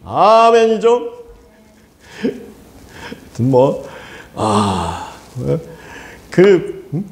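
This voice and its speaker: Male pastor, sermon, animated, laughs often, high lively voice, echoey room. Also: a little slow, slight background noise. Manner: animated, laughing often, asks the congregation for amens.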